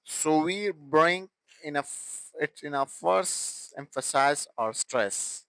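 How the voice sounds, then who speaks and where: A young man teaching an English grammar lesson, explaining slowly and deliberately and repeating example sentences. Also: fairly high pitch, expressive, fairly bright tone, smooth, dry recording, poor audio.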